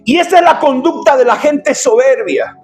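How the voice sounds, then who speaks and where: High-voiced impassioned male preacher. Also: moderate pace, soft background music. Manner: impassioned preaching, often shouting, calls listeners brother. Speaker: pastor. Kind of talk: sermon. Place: church.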